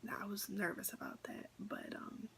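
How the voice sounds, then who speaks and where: A young woman vlogger telling a story casually to the camera, chatty and excited, with many fillers and repeats, often half-whispering. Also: moderate pace.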